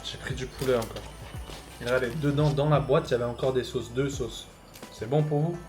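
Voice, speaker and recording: A young man, animated, tasting fast food in a casual vlog and swearing loudly at bad food. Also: mid-range voice, faint music behind, rough recording. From Switzerland. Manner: animated, loud bursts of disgust, swearing. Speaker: food vlogger.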